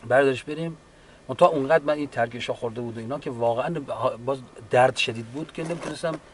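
A man, a wounded war veteran, giving a halting, unhurried personal account with frequent restarts. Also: medium pitch, breathy edge. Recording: distant mic with faint background ambience.

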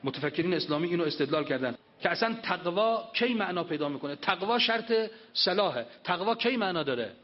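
A man's voice: sits high, expressive. A man giving a religious lecture, reciting scripture and explaining it in an emphatic manner. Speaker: preacher. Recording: dull lo-fi recording.

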